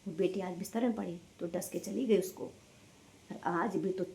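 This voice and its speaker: A woman's voice: fairly low pitch, a little slow, creaky, mellow, slight background noise. An older woman from Uttarakhand giving impassioned, scolding commentary on her vlog, repeating her points with indignation. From Uttarakhand, India. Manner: indignant, scolding, emphatic repetition. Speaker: vlogger.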